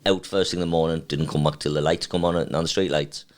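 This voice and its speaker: A man's voice: very deep voice, fairly even intonation, fast. A man from Sunderland with a Sunderland accent, hosting a casual interview in a chatty, jokey way with frequent laughs. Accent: Sunderland English. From Sunderland, England. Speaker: podcast host.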